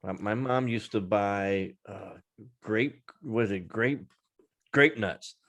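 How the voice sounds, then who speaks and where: A man's voice: fairly low pitch, slow, creaky, fairly bright tone. A man co-hosting a podcast in casual chat, laughing often, teasing and swearing. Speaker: podcast co-host.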